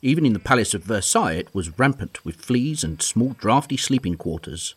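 A man acts an older English major in a period audio drama. His low, husky voice moves expressively through formal, old-fashioned phrases with pompous courtesy. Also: big pitch swings, fairly quick. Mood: pompous, lecturing.

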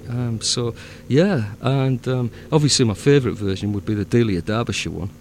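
Chatting casually at a moderate pace, a fan audio drama producer from northern England speaks in a mid-range, darkish voice with a Northern English accent. His talk rambles with frequent fillers and restarts and easy laughter, over slight background noise.

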